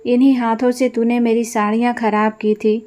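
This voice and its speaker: A woman's voice: a little high, flat delivery, normal speed, warm tone, lightly acted. Scornful bullying sister-in-law, read by a woman. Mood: scolding. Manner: scolding, taunting. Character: harsh bullying young wife, scornful and shouting.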